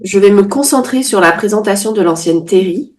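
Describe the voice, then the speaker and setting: Her voice mid-range and a little mellow, a woman renders a sermon into French phrase by phrase in consecutive interpretation. The restating comes quickly, with occasional self-corrections partway through sentences.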